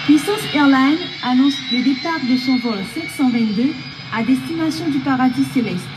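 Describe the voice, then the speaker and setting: Woman playing an airline gate announcer, over the intercom, formal and measured, high voice, noisy background. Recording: distant voice with background noise.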